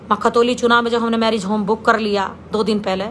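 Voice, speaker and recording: A middle-aged woman delivers a confrontational public statement. Her voice sits high and sounds sharp and bright. She scolds her rival head-on and speaks to him directly. A faint hiss of noise runs under her voice. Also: fairly even intonation, quick pace.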